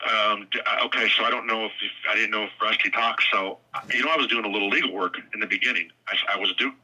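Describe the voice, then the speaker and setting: Man, prison phone call, very sharp rough tone, lowish pitch, halting, repetitive, confessional. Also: fairly even intonation. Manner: halting, often repeating words. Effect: prison phone line. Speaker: interview guest calling from jail. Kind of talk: candid confessional conversation. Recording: harsh prison phone line, radio-like.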